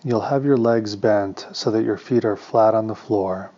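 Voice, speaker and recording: With a voice on the low side, a male meditation teacher leads a guided session, offering soothing, calm instructions deliberately and with pauses, on a slightly muffled recording.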